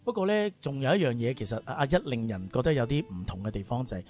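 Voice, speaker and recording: A man's voice: mid-range voice, animated, fast, darkish tone, faint music behind. A man with a Hong Kong Cantonese accent hosting a radio interview in a chatty, colloquial way, with long-winded questions. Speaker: radio show host. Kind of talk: conversational interview.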